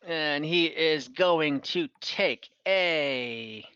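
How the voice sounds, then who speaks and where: Extremely slow and forceful, a game master with a medium-pitched, bright, smooth voice improvises narration for an online tabletop game. He often thinks aloud hesitantly, speaking from a room over a voice call, and the sound is muffled with room echo.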